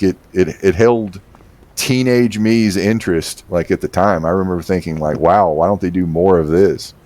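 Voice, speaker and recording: Male gamer in his 30s, deep and unhurried, rambling commentary with filler words. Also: a little mellow. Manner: rambling, swears casually, frequent fillers and laughs. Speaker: streamer. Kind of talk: casual gameplay commentary.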